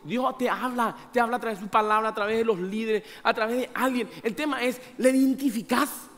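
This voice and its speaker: A man with a high voice delivers a sermon in a chatty, personal style. He acts out little exchanges of dialogue and keeps asking his listeners questions. He sounds like he is in a hall with long reverb. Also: fairly quick, a bit bright. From Paraguay. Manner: conversational preaching with rhetorical questions and acted-out dialogue. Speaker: pastor. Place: church hall.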